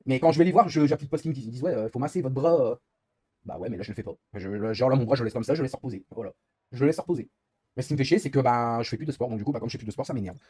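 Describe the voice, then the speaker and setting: A young man chats on a live stream while playing a racing game, talking at a breakneck pace and swearing freely as he rambles through his complaints. His voice is husky and mellow, and the recording is close and dry. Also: medium pitch, lively intonation, very fast, dry recording. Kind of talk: casual live-stream chat while gaming.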